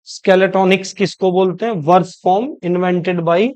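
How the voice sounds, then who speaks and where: A man from India teaching an exam-prep lecture. He explains step by step, keeps rephrasing himself, and reads English quotations slowly and deliberately. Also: high voice, steady tone, darkish tone.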